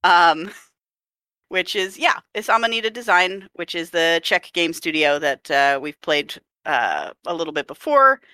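A woman's voice: lowish voice, sing-song, unhurried, bright, forceful tone, no echo, studio quality. A woman hosting a game podcast, chatting casually and laughing easily. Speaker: podcast host.

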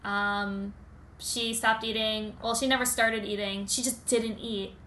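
A young woman chats and tells stories as a podcast co-host. Her voice is bright and forward, full of "like" fillers, with faint background noise. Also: on the high side, flat delivery, measured pace, rough recording. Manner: frequent "like" as filler. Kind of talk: casual chat and storytelling.

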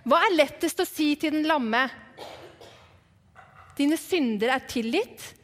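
A woman voicing Jesus, calm and solemn. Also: extremely high pitch. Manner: measured, solemn pronouncements. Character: calm, kind but firm grown man healer. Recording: long hall reverb.

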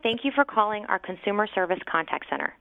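A woman's voice: mid-range voice, quick pace, gravelly, heavy background noise. Recorded phone message from a woman. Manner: polite, even, carefully enunciated. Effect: recorded phone message heard over a phone line. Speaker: automated helpline greeting. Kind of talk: scripted phone menu prompt. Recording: tinny phone line.

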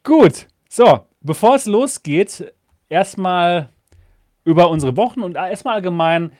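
A man's voice: high-pitched, expressive, measured pace, darkish tone, dry recording, studio quality. A man hosting a podcast, introducing the topics and guest in upbeat casual chat with fillers. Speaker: podcast host.

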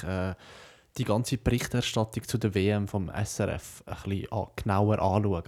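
A man's voice: on the low side, a little mellow. A young man with a Swiss German accent hosting a podcast in a casual, conversational, reflective monologue. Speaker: podcast host, broadcaster intern.

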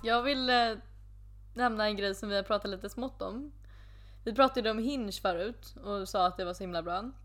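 A woman's voice: mid-range voice, soft background music. Giggly young woman telling a story. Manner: giggly storyteller, acts out chats in English. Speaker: podcast co-host. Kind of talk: casual chat.

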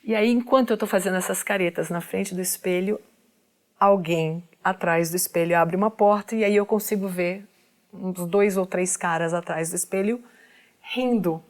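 A woman, a journalist guest telling a story in an animated, expressive way. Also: on the low side, moderate pace. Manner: expressive, acts out quoted voices, laughs often.

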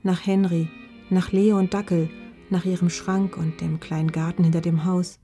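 A woman narrating a children's story in a gentle, measured way. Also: fairly low pitch, flat delivery, faint music behind.

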